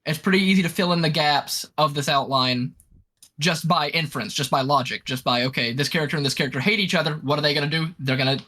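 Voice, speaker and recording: Bright, emphatic man giving advice. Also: a little high, fast talker. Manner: emphatic, instructive, blunt. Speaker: writing advice speaker. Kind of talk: casual explanatory talk.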